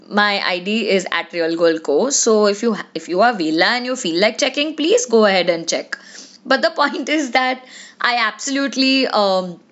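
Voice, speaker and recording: A young woman from India hosting a solo podcast, talking in a chatty, confiding way with lots of fillers, her voice raspy from a cold. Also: on the high side, a bit bright. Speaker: podcast host. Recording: dull lo-fi sound.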